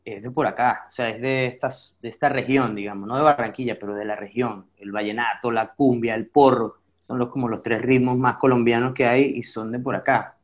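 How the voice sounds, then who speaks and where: A relaxed, chatty guest and father talks fairly fast in a mid-range voice, barely pausing at all. The conversation is casual, and he uses plenty of fillers like "este."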